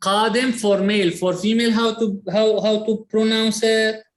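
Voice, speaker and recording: A man's voice: high-pitched, level tone, takes it slowly, roomy sound. A man teaching an Arabic class over a video call, explaining patiently in English. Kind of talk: online class instruction.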